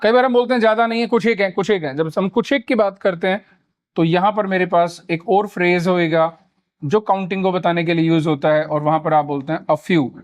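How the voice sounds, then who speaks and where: A man teaching grammar in Hindi. He repeats model sentences slowly and deliberately, with frequent "yes" check-ins. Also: high voice. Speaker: English teacher. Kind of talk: spoken grammar lesson in Hindi with English examples.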